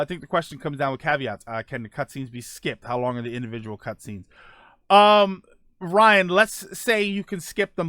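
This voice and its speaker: This man hosts a relaxed live stream, reading viewer comments and musing aloud, frequently starting his sentences over. His voice is fairly high and fairly bright, captured in a dry, studio-quality recording.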